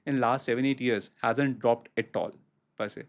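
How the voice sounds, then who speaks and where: A man with an Indian accent answering as a real estate expert on a podcast, explaining haltingly and repeating phrases for emphasis. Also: medium pitch, steady tone.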